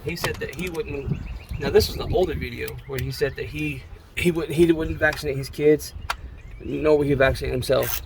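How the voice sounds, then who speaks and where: Animated slangy guy, higher voice. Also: normal speed, creaky, background noise. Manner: animated, slangy, says "man" and "bro" a lot. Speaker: vlogger working on his brother's truck. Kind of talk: casual chat while working.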